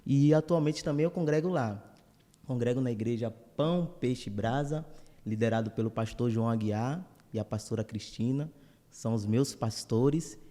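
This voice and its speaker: A man, a guest preacher who speaks with warm, grateful greetings. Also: medium pitch, moderate pace, long reverb tail. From Salvador, Bahia, Brazil. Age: 20s. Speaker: guest preacher, church elder. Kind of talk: casual interview talk.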